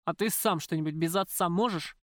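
Brief: woman narrator doing a gruff, bossy middle-aged father for an audiobook; scolding, contemptuous, commanding, in a close dry read. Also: lowish voice, brisk, dry recording, natural voice. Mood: mocking, bossy.

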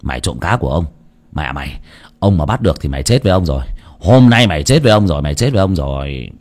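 A man voicing a gruff old clinic guard who mutters curses. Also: extremely low pitch, very animated, measured pace, a little mellow, pitched below the performer's own voice, heavily acted. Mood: grumbling.

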